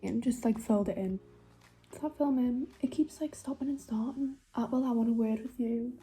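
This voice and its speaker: A woman's voice: a little high, normal speed, mellow, faint music behind. A young woman with a Geordie accent chatting in a rambling, self-mocking way while doing her makeup for a vlog. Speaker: beauty vlogger.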